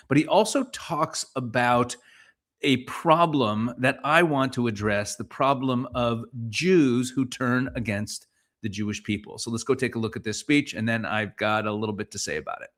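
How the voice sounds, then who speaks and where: Male host, conversational, talking to viewers, mid-range pitch. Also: moderate pace, fairly bright tone. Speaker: show host. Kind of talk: commentary introduction.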